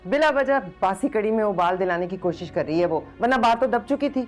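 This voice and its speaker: A defensive, sharp-tongued middle-aged mother with a Pakistani accent, played by an actress. She snaps back quickly. Faint music sits behind her. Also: on the low side, animated, natural voice. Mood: indignant.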